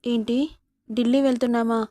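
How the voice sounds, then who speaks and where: A woman's voice: on the high side, little pitch movement, a little fast, warm tone, lightly acted. A woman reading as a timid, tearful young woman. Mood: fearful. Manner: fearful and pleading.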